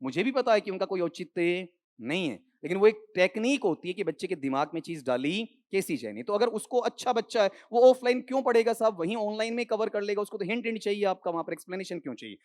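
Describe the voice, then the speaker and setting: A man's voice: sits high, expressive, fast, darkish tone. A man runs a classroom lesson on English grammar for an exam. He keeps firing questions at his students, repeats the key words, and calls them "sahab" and "beta" as he talks. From India. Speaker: English teacher. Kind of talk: exam-prep classroom lecture.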